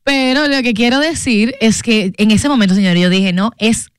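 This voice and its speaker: A woman hosting a radio talk show, chatting casually and telling stories with animated laughter. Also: a little high, normal speed, smooth, no echo, studio quality. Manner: animated storyteller, laughs often. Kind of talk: casual studio chat. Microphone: studio microphone.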